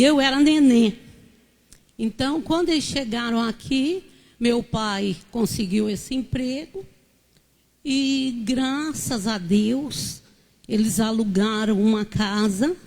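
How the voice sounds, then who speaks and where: Slow, mellow-voiced woman in her sixties. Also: a little high, vocal fry. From southern Brazil. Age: 60s. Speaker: pastor. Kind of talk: life-story interview.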